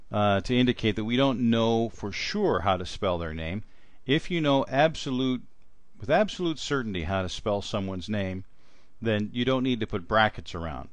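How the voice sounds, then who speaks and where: A man with a fairly low voice talks through a software tutorial step by step. The sound is close and dry, with keyboard typing. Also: no echo. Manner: explanatory, spells out each step. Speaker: transcription trainer. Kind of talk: instructional screen-recording tutorial with dictation while typing.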